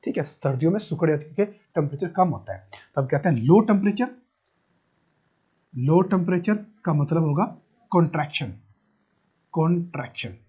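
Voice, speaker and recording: A physics teacher gives a lesson, explaining patiently and asking his students questions. His voice is husky and mellow, a little higher than most men's. The recording sounds dull and muffled. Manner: explains step by step, repeats key terms and asks rhetorical questions. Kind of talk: classroom lecture.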